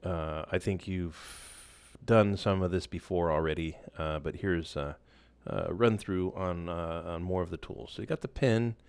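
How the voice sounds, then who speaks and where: A man walking through a software tool in a casual screen-share tutorial, loose and relaxed, with many fillers and restarts. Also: deep voice, measured pace, few pauses, smooth, no room sound. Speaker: instructor.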